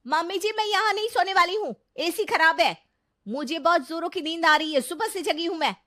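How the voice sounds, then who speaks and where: Woman voicing a shrill spoiled young bride. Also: animated, moderate pace, no room sound, studio quality. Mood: whiny complaining. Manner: shrill and complaining. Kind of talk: cartoon voice acting.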